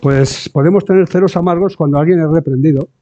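Talking fairly quickly in a dark-toned voice on the high side, a preacher gives a chatty church sermon. He frequently adds tag questions and impersonates the people he quotes, captured in dull, lo-fi sound.

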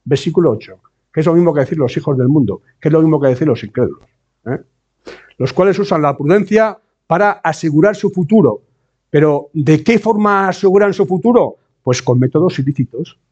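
Male preacher, mellow slightly high husky voice, rhetorical sermon delivery, lo-fi sound. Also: animated. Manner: rhetorical questions and tag checks like eh and no; slows and stresses key words. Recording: dull lo-fi sound.

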